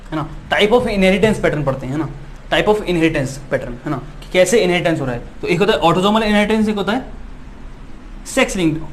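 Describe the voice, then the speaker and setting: Male biology tutor, high voice, repetitive and reassuring, faint hiss in the background. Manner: repetitive, keeps asking "है ना" to check students follow; reassuring and insistent, promises results. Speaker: biology teacher. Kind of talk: exam-prep lecture.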